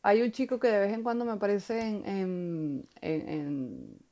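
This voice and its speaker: Woman telling stories haltingly. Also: mid-range voice, animated, mellow, lo-fi sound. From Venezuela. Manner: halting, repeats words while storytelling. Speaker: podcast co-host. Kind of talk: casual chat.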